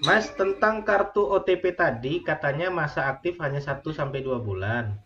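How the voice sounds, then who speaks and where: A man's voice: on the high side, expressive, moderate pace, a bit bright, muffled recording. A man moderating an online class, his voice cutting out over a bad call line as he keeps checking whether he can be heard. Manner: checks the connection again and again. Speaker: session moderator reading audience questions.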